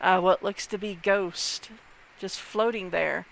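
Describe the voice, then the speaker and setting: Man, dungeon master, slow narration, bright, gravelly edge. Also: high-pitched, fairly even intonation. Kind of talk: narrating a tabletop game.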